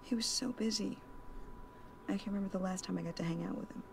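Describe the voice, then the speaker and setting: A woman acting as a grieving young daughter in a game drama, wounded and searching. Her voice is mid-pitched, breathy and full of creak, with clear noise behind. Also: fast talker, natural voice. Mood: numb grief.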